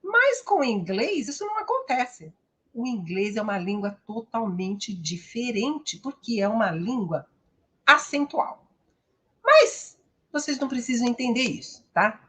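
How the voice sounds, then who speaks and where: A woman's voice: on the high side, sing-song, a little slow, fairly bright tone. A Brazilian woman English teacher giving a live-streamed pronunciation lesson, explaining patiently and often checking in with her viewers. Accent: Brazilian Portuguese.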